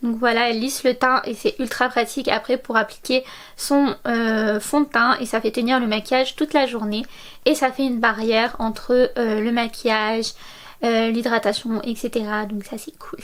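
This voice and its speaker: A young woman in her twenties talks through a makeup routine in a high, chatty voice. She fills her speech with little hesitations and praises products eagerly. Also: fairly even intonation, moderate pace. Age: 20s. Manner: chatty, many fillers, enthusiastic about products. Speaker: beauty vlogger. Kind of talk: makeup tutorial narration.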